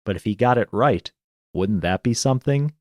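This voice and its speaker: Animated man recapping a film plot. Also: fairly low pitch, normal speed, dry recording. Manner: animated storyteller, laughs often. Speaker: podcast co-host. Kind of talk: casual chat recapping a film.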